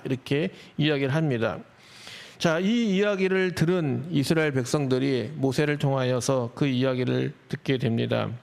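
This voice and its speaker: A male pastor preaching a sermon in a church, expressive and acting out the voices of the people in his story. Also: on the high side, gravelly. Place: church sanctuary.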